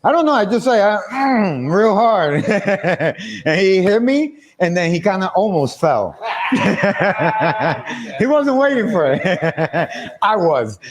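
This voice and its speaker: Animated high-voiced man telling a story. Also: takes it slowly. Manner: animated, laughing, acting out quoted voices. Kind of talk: casual storytelling on a livestream.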